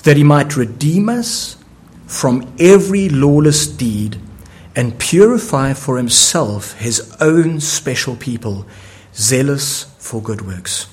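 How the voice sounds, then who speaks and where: A man's voice: mid-range voice, expressive, takes it slowly, a little mellow. A man preaching a sermon, earnest, often restarting words as he builds each point. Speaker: pastor.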